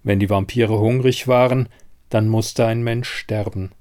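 Slow, grave male audiobook narrator. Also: on the low side, steady tone, darkish tone. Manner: measured, grave storytelling. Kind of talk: audiobook narration of a dark fantasy story.

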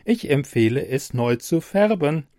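A prim household beauty computer talks in formal, mechanical sentences, as a man puts it on. It speaks slowly and a little high, with wide swings in its delivery. The sound is close and dry. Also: expressive, warm tone, no room sound. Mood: polite mechanical. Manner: polite, formal, mechanical phrasing. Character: bumbling female-addressing beauty computer, polite, robotic. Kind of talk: audiobook reading.

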